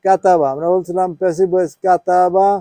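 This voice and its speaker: High-voiced man teaching a class. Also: level tone, fairly quick, dark tone, no room sound. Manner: checks with students, asks "হ্যাঁ?" often; switches between Bengali and English, spells Arabic out. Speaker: Quran teacher. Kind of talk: informal class lesson.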